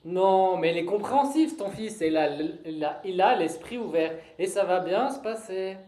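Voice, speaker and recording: A man's voice: high voice, expressive, moderate pace, mellow, reverberant. A man rehearsing an amateur play, playing a sentimental man who is tender and a bit flustered on the phone.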